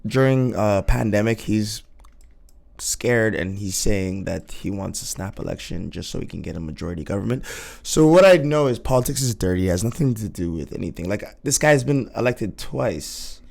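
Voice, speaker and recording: A man's voice: fairly low pitch, animated, moderate pace, gravelly, a little mellow. A man co-hosting a casual political chat, talking in a laid-back, slangy way. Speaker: co-host.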